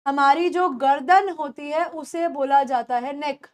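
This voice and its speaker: A young woman with an Indian accent, teaching a beginners' English lesson in Hindi mixed with English, repeating words slowly for pronunciation. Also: high-pitched.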